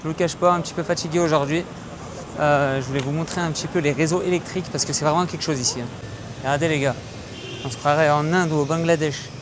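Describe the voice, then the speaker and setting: A man talks straight to his viewers in a casual travel vlog, chatty and often stopping on fillers. His voice sits a little high. Clear street and traffic noise runs behind him, picked up by a handheld camera outdoors. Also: steady tone, fast talker. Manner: chatty, addresses viewers as "les gars"; hesitant, many "euh" fillers. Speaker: travel vlogger. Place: outdoors in a city and in a vehicle. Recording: noisy outdoor vlog audio.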